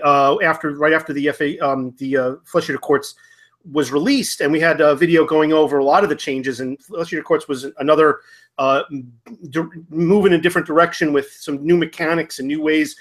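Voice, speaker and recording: A man's voice: a little high, fairly bright tone. Hesitant male gaming show host. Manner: halting, many fillers and restarts. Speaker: podcast host. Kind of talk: casual hobby gaming discussion.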